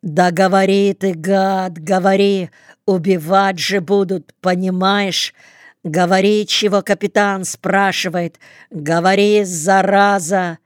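A woman voicing a desperate young male soldier who shouts and pleads in bursts, in an audiobook. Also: lowish voice, flat delivery, slow pace, clear, resonant tone, dry recording, studio quality. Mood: desperate shouting.

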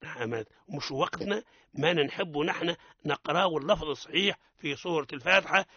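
A man with a Tunisian Arabic accent teaching Quran recitation on the radio, correcting mistakes firmly and drawing out example words slowly to show how they are said. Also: a little high, pushed and bright, husky, dry recording. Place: radio studio. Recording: dull lo-fi radio broadcast.

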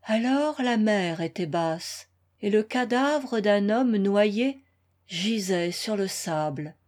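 A woman reading a nineteenth-century story aloud with measured, expressive narration. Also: medium pitch. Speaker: reader. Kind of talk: literary audiobook narration.

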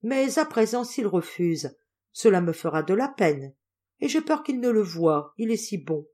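A woman's voice: medium pitch, big pitch swings, a little slow, a little mellow. A woman reading an audiobook, voicing a shy, tender girl of seventeen who falters as she talks. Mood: timid. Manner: hesitant, faltering.

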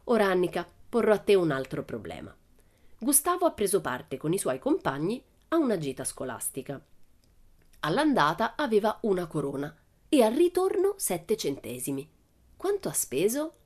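A woman voicing a patient, prim female schoolteacher in a storybook reading, measured and instructive. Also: on the low side, huge pitch swings, darkish tone.

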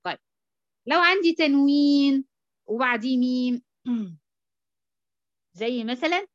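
An Egyptian woman with a fairly high voice teaches tajweed patiently, stretching out syllables to show how they sound and asking often whether it is clear. The recording is muffled and dull. It is dry, with no room echo. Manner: patient, checks understanding often, drawn-out demonstration syllables. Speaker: Quran recitation teacher. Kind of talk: tajweed lesson.

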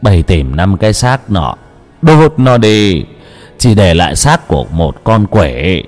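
Man putting on an old male head monk, grave and scolding, deep voice, lively pitch. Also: soft background music. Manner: slow, heavy, drawn-out lamenting speech.

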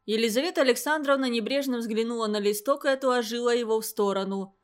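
Woman reading an audiobook, slightly high voice. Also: quick pace. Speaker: narrator. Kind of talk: audiobook narration.

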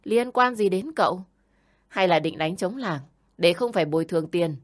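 A woman doing a shrill, scolding older aunt. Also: animated, normal speed, natural voice. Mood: demanding. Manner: yelling, berating, harsh.

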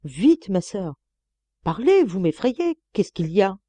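A woman's voice: on the low side, lively intonation, normal speed, warm tone, dry recording, natural voice. A woman reading an audiobook and voicing a pompous elderly village priest who preaches to children and stammers when alarmed.

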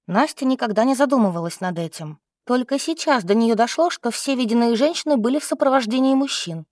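A woman narrating an audiobook in a steady, expressive reading style. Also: fairly high pitch, brisk, no echo, clean studio sound. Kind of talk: scripted narration.

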